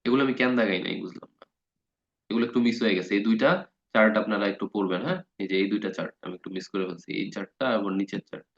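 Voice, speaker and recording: A man giving a casual spoken grammar lesson, talking conversationally, often checking that listeners follow and stretching out words slowly to show how they are spelled. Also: on the low side, steady tone. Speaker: Bengali grammar teacher. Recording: dull lo-fi recording.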